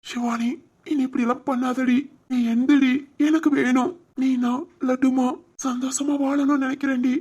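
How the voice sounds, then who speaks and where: A woman's voice: high-pitched, flat delivery, normal speed, dark tone, breathy edge. A woman voicing a loving, anxious young husband and father in a cartoon family drama, talking in an emotional, protective way. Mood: tearful.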